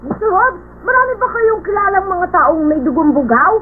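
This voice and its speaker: A woman's voice: extremely high pitch, big pitch swings, normal speed, noisy background. A woman dubbing a polite, curious young boy who asks earnest questions in a cartoon. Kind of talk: Tagalog cartoon dub. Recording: tinny lo-fi dub over loud music.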